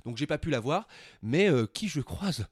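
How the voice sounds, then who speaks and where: A man's voice: fairly high pitch, normal speed, husky, no room sound, studio quality. A man co-hosting a podcast, telling a story in a casual, rambling way with lots of restarts. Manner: lively, rambling anecdotes with many restarts. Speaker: podcast co-host.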